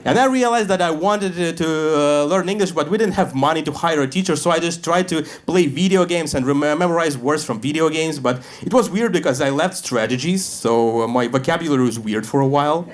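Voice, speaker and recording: A man in his thirties, Russian by birth, telling stories in a deadpan stand-up set on a live stage. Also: fairly high pitch. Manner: deadpan storytelling with quick asides. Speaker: stand-up comedian. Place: stage before a live audience.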